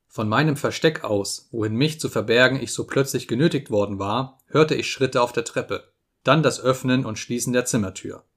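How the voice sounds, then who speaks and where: A man reading a classic detective story aloud as an audiobook, in steady, measured narration. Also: mid-range voice.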